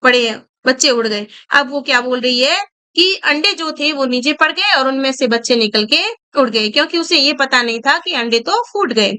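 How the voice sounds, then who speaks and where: A woman's voice: sits high, moderate pace, sharp tone. Woman explaining a story. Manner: reads a line then explains it in simple words. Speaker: Hindi teacher. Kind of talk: reading a story aloud and explaining it.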